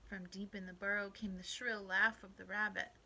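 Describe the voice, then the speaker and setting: A woman teacher reading a storybook aloud to young children, expressive and asking them questions. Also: medium pitch, normal speed, slightly rough, low-quality recording. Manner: expressive, asks the listeners questions.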